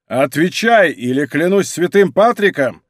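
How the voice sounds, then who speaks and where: A man voicing a soldier officer in an audiobook, shouting threats before turning meek before his general. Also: on the high side, lively intonation, brisk, no echo, studio quality, lightly acted. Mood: threatening. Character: threatening male army officer, later humbled.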